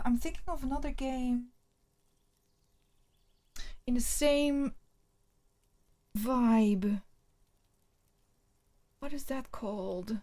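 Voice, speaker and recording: A woman streamer from the Netherlands with a Dutch accent, chatting casually and thinking aloud while playing. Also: a little high. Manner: relaxed, chatty, thinking aloud with many fillers. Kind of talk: casual game stream chat and reading aloud.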